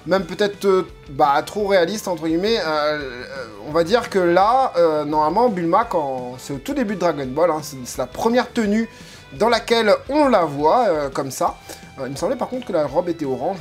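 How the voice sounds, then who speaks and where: A man casually commenting on a figurine unboxing, joking and rambling with lots of hesitant fillers. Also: high-pitched. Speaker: unboxing video host. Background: faint background music.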